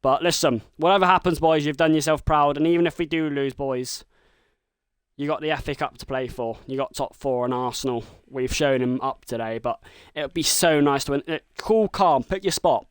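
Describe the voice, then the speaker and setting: A man streaming a football video game live, calling the action like a commentator and shouting at the big moments. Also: on the high side, steady tone, fairly quick, clear, resonant tone, no echo. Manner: mimics a football commentator and a team manager.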